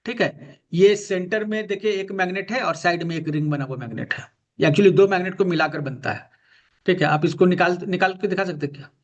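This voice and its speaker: Male teacher, fairly high voice, muffled call audio, patient and repetitive. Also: brisk. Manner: patient, repeats key terms, directs a student. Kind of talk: online class on magnet therapy. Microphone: video call.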